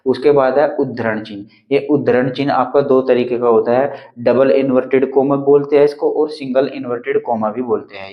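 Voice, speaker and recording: Man teaching grammar, dull lo-fi sound. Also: mid-range voice. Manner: explains step by step, pointing at a written board. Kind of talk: exam-prep lesson.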